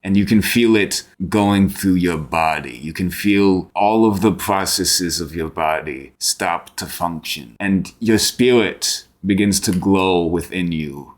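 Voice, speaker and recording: A man with a low-sitting voice narrates a tabletop fantasy game as game master, speaking deliberately with dramatic pauses.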